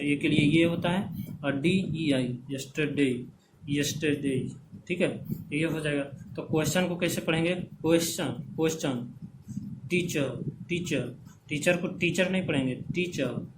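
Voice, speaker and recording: A man teaching English phonetic transcription, repeating words slowly as drills and checking in often. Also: fairly high pitch. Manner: checks in often with "theek hai". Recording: background noise.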